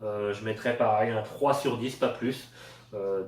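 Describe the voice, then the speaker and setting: A man's voice: fairly low pitch, fairly even intonation, a little slow, a little mellow. Hesitant Frenchman in an echoey room. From France. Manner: hesitant, many fillers. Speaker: product tester. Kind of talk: casual product review. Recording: echoey room, voice a bit far from the mic.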